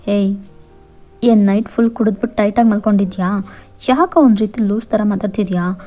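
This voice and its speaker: A woman voicing a brisk middle-aged mother in a Kannada fan-fiction audio story, nagging loudly. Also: medium pitch, faint music behind, natural voice. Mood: scolding. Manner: loud, nagging scolding.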